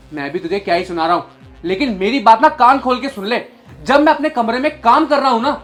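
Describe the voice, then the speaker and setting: A man's voice: very high voice, fairly bright tone. A young man playing an arrogant employer who harshly and contemptuously scolds his maid. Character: arrogant young male boss, short-tempered. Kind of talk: short film acting.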